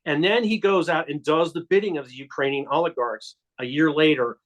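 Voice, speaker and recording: A man speaks as an interview guest with a voice pitched a bit above most men's. He builds his account step by step, emphatic and insistent. He often restarts mid-sentence as he goes. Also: a little fast, a bit bright. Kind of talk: explanatory storytelling in an interview.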